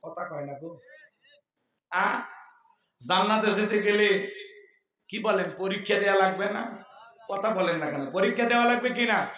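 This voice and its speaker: High-voiced male preacher, fiery crowd sermon, shouts and chants, echoey PA sound. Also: a little slow, pauses often. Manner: shouts, chants verses, questions the audience. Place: open-air religious gathering. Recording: echoey public-address sound.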